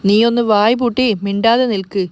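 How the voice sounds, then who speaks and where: A woman's voice: medium pitch, fairly even intonation, fairly quick, a little mellow, smooth, dry recording, close to an everyday voice. Woman doing a torn, scolding grandmother in a story recap. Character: conflicted elderly grandmother.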